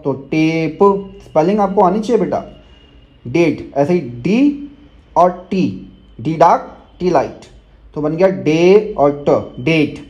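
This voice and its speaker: A man's voice: high-pitched, a little mellow, dull audio. A man teaching a shorthand demo lesson, explaining step by step and checking often that his students follow.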